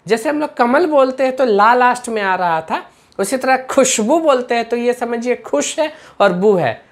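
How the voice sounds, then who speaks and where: Woman teaching slowly, quizzing the class. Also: fairly high pitch, animated. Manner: drills words slowly and asks the class questions. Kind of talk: classroom lesson on spelling.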